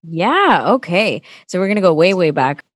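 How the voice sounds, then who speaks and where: A woman's voice: lowish voice, very animated, moderate pace, dry recording. A chatty woman in her twenties, guest on a casual radio talk show, who laughs easily. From Canada. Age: 20s. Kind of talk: casual interview chat.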